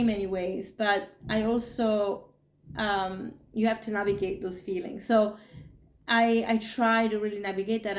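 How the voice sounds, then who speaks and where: A woman's voice: medium pitch, reverberant. A woman in her forties, a podcast host and spiritual coach, talking casually and emotionally, often acting out her own inner thoughts. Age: 40s. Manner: animated, emotional, restarts and acted-out inner thoughts.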